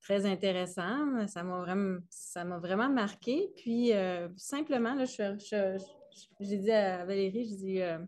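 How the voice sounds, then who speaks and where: A woman's voice: mid-range voice, measured pace, darkish tone. A woman, a guest telling her story hesitantly with many fillers. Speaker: guest, teacher. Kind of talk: casual interview chat.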